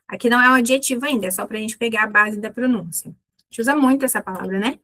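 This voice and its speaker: Brazilian woman, English teacher, fairly high voice, patient explanations, slow drilled repetitions. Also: sharp tone. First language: Portuguese. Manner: explanatory, repeats English words slowly for drilling. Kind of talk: online English lesson.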